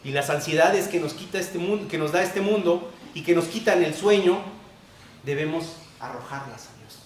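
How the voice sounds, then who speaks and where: A male pastor preaching a sermon, repeating key phrases and swinging between loud emphasis and quiet asides. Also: a little high, normal speed, a little hiss or hum. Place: church hall. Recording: echoey church hall, distant mic.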